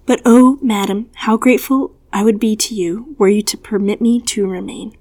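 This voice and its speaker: A woman's voice: mid-range voice, normal speed, mellow, natural voice. A woman voicing a lonely, courtly young male prince who speaks in an earnest, pleading way, read as a storybook. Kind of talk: storybook reading.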